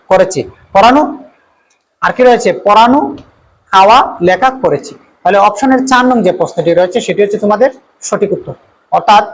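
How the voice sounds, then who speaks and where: High-voiced male teacher, repeats each question. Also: rough recording. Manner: repeats each question and reads out the options before giving the answer; frequent drawn-out "uh" fillers. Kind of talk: exam-prep lesson going through multiple-choice questions.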